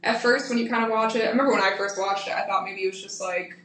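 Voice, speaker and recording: A woman co-hosting a casual podcast, steadily explaining and recounting with the odd filler. Her voice sits at a middle pitch. She is off the mic in an echoing room with a faint hiss behind her. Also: steady tone, quick pace, a bit bright. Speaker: podcast co-host. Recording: echoey room, distant from the mic, faint noise.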